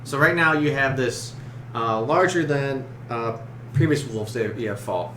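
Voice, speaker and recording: A man narrating a tabletop role-playing game as game master, halting and searching for his words. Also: medium pitch, sharp tone. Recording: roomy, echoey, noisy room recording.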